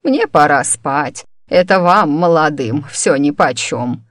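A frail, bitter old witch who has been stripped of her powers, as an audiobook narrator puts her on. Her speech is slow and shaky, and it keeps breaking into sharp, shrill bursts of anger. The recording is close and dry, with no room around the voice. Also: expressive, no room sound. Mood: weary, stubborn. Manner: slow, quavering, flares into angry shouts.

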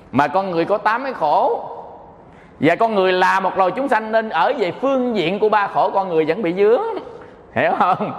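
A male Buddhist monk with a Southern Vietnamese accent gives a dharma talk in a playful, joking way, often checking that listeners follow. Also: high-pitched. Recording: long hall reverb.

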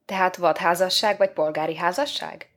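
A woman's voice: lowish voice, steady tone, a bit bright, lightly acted. A woman voicing Adam, a timid, flustered young man who stammers and speaks bashfully in a storybook reading. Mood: puzzled.

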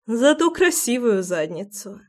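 A woman's voice: on the high side, sing-song, a little slow, a little mellow. A woman reading a feisty, grumbling young wife. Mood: grumbling, teasing. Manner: grumbling, teasing.

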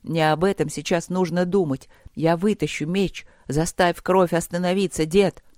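A man's voice: high voice, steady tone, moderate pace, a little mellow, no echo, studio quality, natural voice. A man voicing a desperate young warrior who pleads urgently with his dying grandfather in a raised voice.

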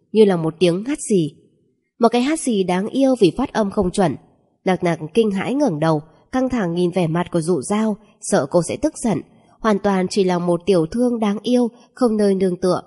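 Breathy woman narrating a novel. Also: medium pitch, dark tone.

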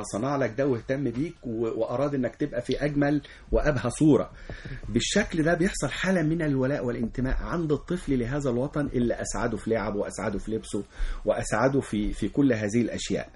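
Fast-talking husky Egyptian male lecturer. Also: medium pitch, darkish tone. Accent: Egyptian Arabic. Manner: earnest and lecturing, acts out example dialogues. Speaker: education lecturer, talk show guest. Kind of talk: explanatory interview answers.

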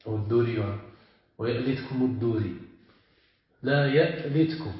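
A man teaching as a sheikh, his voice heavily echoing around a large room. He lingers on key words and keeps asking his listeners whether they follow. The recording sounds dull and lo-fi. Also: medium pitch. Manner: stretches key words slowly, keeps checking understanding. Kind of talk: classroom lesson with questions to students.

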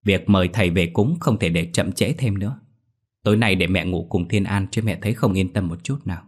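A man's voice: deep voice, brisk, husky. A man voicing a stern, worried elderly mother-in-law with a firm, commanding way of talking, over faint music.

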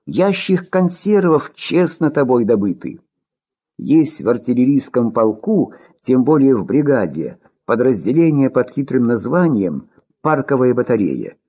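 Husky, lively male storyteller. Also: medium pitch. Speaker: audiobook narrator. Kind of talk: scripted narration of war prose.

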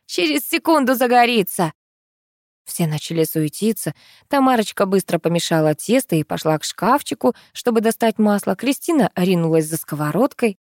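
A woman narrating a comic first-person audiobook in a lively, dramatic manner. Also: lowish voice, brisk, no room sound, clean studio sound.

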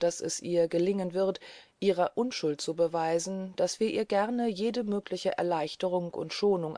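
A woman reading aloud voices a grave, courteous gentleman who speaks in a measured, solemn way. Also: fairly low pitch, dry recording, close to an everyday voice.

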